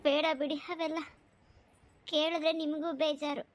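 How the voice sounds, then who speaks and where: A woman voicing a poor, abandoned young mother in a cartoon, speaking softly and respectfully. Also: sits high, flat delivery, normal speed, lightly acted. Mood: sorrowful. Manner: soft, pleading and respectful. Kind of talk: cartoon voice acting.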